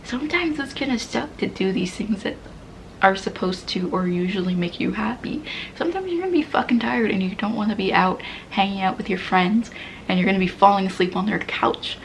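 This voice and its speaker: A woman's voice: medium pitch, a little fast, slight background noise, low-quality recording. A woman in her twenties candidly venting, rambling and swearing casually, often dropping into half-whispers. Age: 20s. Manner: swears casually, laughs at herself. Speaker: vlogger. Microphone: poor-quality mic.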